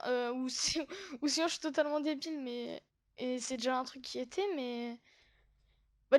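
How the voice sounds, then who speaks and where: High-pitched woman giving chatty game commentary. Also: darkish tone. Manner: chatty, hesitant with many fillers, giggly. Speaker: gaming YouTuber. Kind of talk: casual gameplay commentary.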